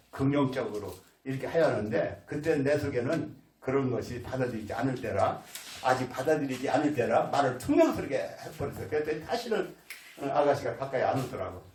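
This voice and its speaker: A man's voice: medium pitch, a little mellow, a little hiss or hum. A man preaching a storytelling sermon, in a folksy way, acting out the voices of people in his story. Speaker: pastor. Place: church sanctuary. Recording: echoey church hall, mic at a distance.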